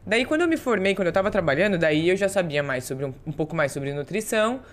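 A woman's voice: lowish voice, lively intonation, quick pace. A young adult woman with a Brazilian accent, a guest on a casual podcast, telling her story and repeating words for emphasis. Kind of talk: casual interview chat.

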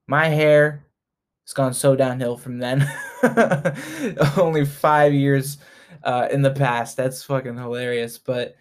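A man in his early twenties, a sports fan vlogger talking casually, chatty and self-mocking, often laughing. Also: mid-range voice. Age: 20s.

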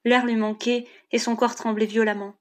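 A woman narrating an audiobook chapter in a steady, measured reading. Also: on the high side.

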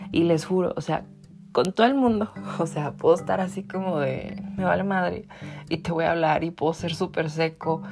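A man's voice: on the high side, vocal fry, a little mellow. A man with a Mexican accent hosting a podcast, chatting casually to his listeners and filling his talk with "o sea". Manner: chatty, many "o sea" fillers. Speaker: podcast host.

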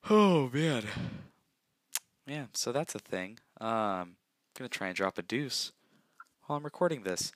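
A man's voice: medium pitch, very animated, unhurried, pauses often, dry recording. A young man hosting a casual solo podcast from a bathroom, rambling and self-deprecating, recorded on a gaming headset mic. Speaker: podcast host.

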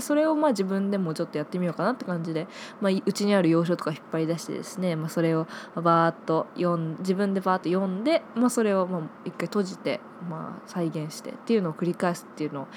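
A woman's voice: on the low side, darkish tone. Young woman doing a solo podcast, chatty, says um a lot, reads listener mail, slight background noise. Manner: chatty, many fillers like "maa" and "ano". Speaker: podcast host.

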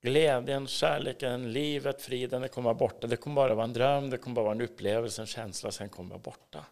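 This guest's creaky, mid-range voice stays steady in tone as he gives personal testimony about his faith in a relaxed interview. He has a Swedish accent and speaks earnestly, alternating hushed whispers with emphatic outbursts.

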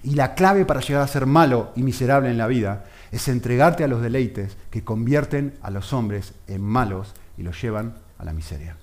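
Man, pastor, sermon, animated, mid-pitched voice. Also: normal speed, hardly any pauses. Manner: animated, acts out dialogues.

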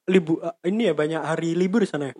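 A man's voice: a little high, fast talker, a little mellow, husky. A man hosting a casual chat, asking curious questions and laughing along.

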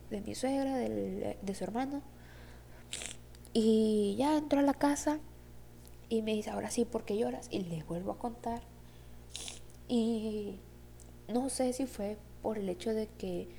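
A woman's voice: medium pitch, creaky, warm tone, slight background noise. A young woman with a Mexican Spanish accent telling a personal story in a casual, rambling vlog style, full of fillers and acted-out dialogue. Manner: rambling, heavy filler "o sea, como que"; acts out quoted dialogue. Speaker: vlogger.

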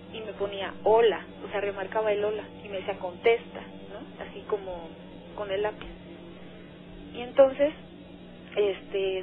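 A woman with a Mexican accent, calling in to a radio show and telling her story in an earnest, hesitant way, with many filler words. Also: a little high. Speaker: radio caller. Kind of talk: phone-in conversation. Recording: tinny phone line, faint music.

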